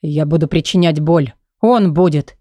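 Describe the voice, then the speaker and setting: A woman voicing a tormented young man with a split personality, speaking low in a pleading, desperate way. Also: moderate pace, warm tone, dry recording, studio quality.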